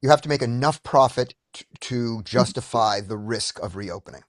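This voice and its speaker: A man's voice: mid-range voice, moderate pace, no room sound, studio quality. A man leading a poker study group on a video call, explaining step by step with frequent restarts. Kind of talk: casual teaching discussion.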